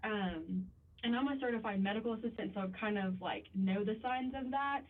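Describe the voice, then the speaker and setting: A woman's voice: on the high side, brisk, recorded from a distance. A hesitant woman explaining herself in a police interview, her talk full of fillers and trailing phrases. the sound is thin and phone-like, and she sits well back from the microphone. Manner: hesitant, filler-heavy, many likes and ums. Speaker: babysitter questioned by police.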